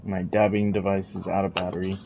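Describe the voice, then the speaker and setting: A man's voice: deep voice, level tone, a little fast, creaky, dull audio, heavy background noise. A man casually commenting while he plays a game, joking and swearing as he rambles. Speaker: gameplay streamer.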